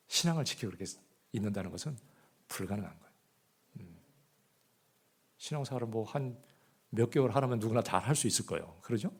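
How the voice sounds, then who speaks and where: A man preaching a sermon as pastor, often asking the congregation rhetorical questions, swinging between loud emphasis and hushed asides. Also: mid-range voice, slightly rough. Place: church.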